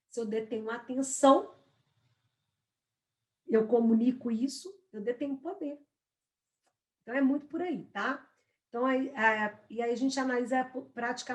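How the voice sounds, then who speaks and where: Woman trainer, high voice, talks to the class by name, lively. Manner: animated, addresses students by name. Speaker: corporate trainer. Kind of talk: live training talk.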